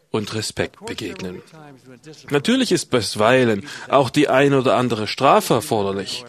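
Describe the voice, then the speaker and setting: A man reading a sermon in an earnest, gently exhorting way, with measured pacing. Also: medium pitch. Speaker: sermon speaker. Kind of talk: read sermon with a lively, measured delivery.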